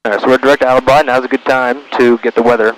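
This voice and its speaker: Through an aviation headset, a pilot vlogs his flight from a small plane's cockpit, thinking aloud in short procedural phrases between radio calls. He talks very fast in a medium-pitched, fairly bright voice with fairly even intonation. It's a low-quality recording with faint engine and radio noise.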